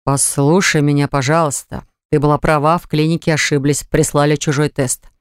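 A man reading an audiobook, voicing a stubborn young man who slowly and insistently presses his point. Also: flat delivery, smooth, dry recording, close to an everyday voice. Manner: low, slow, persuasive and pressing. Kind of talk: audiobook character voice. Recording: dry close studio recording.

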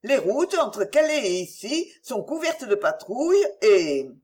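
A reader voicing an anxious young noblewoman who speaks in a hushed, sighing way in an audiobook. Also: mid-range voice, very animated, a little slow, pitched above the performer's own voice. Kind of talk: audiobook reading.

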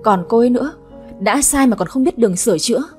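A woman voicing a stern old grandmother who rules the family, speaking in a sharp, scolding tone. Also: on the high side, animated, fast, faint music behind, close to an everyday voice.

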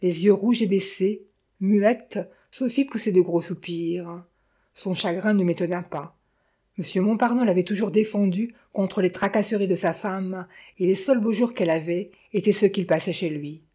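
A woman narrating a detective novel aloud. Her reading is measured and steady, in a plain storytelling voice. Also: mid-range voice, husky. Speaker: audiobook reader.

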